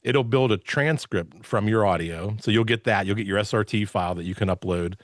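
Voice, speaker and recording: Guy on a podcast with a slightly deep voice, punchy and keen, explaining stuff casually, no room echo. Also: brisk, clean studio sound. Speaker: podcast guest, podcast theater owner. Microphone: video call, close dry mic.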